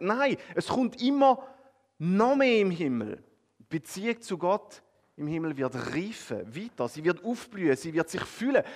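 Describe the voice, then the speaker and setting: High-voiced Swiss German preacher. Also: male voice. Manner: expressive, swinging between emphatic rises and hushed, drawn-out passages; addresses listeners directly with a conversational "oder?". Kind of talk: sermon.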